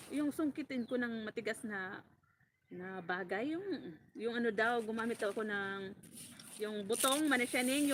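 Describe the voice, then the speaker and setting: A woman from the Bicol countryside runs a farm vlog and tells a story as if to a friend. She is animated and laughs often, and her voice sits a little high. A faint hiss of noise runs under the recording. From Bicol, Philippines. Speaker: farm vlogger.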